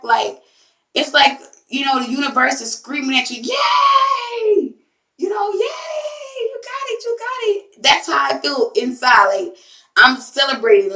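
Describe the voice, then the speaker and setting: A woman's voice: on the high side, fairly bright tone, echoey room, recorded from a distance, rough recording. A woman hosting a spiritual tarot channel, talking casually and emphatically to her viewers, repeating phrases and using everyday slang.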